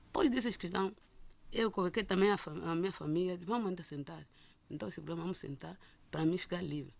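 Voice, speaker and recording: A middle-aged woman gives a personal testimony as a listener, halting and often restarting and repeating words. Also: lowish voice, vocal fry. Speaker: listener telling her story.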